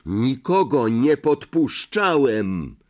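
An indignant teenage boy, quick to defend himself, heated and sharp in his replies, as a male narrator voices him. The voice is only slightly lifted from the reader's own and stays lively in pitch.

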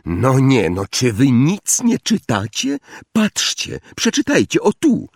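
A man's voice: medium pitch, huge pitch swings, slow pace, vocal fry, darkish tone, no room sound, clean studio sound, pitched above the performer's own voice, exaggerated voice. A man voicing an eager, bookish schoolgirl who talks in breathless, insistent bursts and dramatic whispers. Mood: excited, insistent.

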